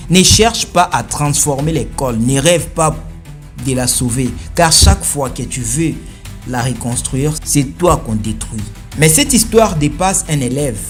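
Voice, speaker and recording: A man hosting an online news commentary channel, speaking in an emphatic, rhetorical way with forceful peaks. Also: on the high side, lively intonation, unhurried, faint music behind. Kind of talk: opinionated commentary.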